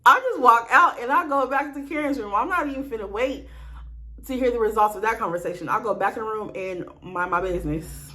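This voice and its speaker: A woman's voice: on the high side, a little fast, bright, forceful tone. Slangy woman telling a storytime. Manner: slangy, profane, acts out dialogue. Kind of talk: casual storytime.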